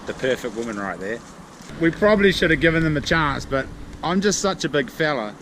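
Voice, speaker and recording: Casual male vlogger, broad New Zealand accent, blokey slang, recorded over clear street and outdoor noise. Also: fairly high pitch, animated, fairly quick, fairly bright tone. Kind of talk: casual vlog chat. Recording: noisy outdoor vlog audio, traffic and ambience.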